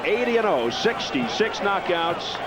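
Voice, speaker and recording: A man's voice: high voice, very animated, a little slow. A man calling a boxing match as live television commentary from ringside. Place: ringside broadcast position in an arena. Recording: very loud crowd roar and noise.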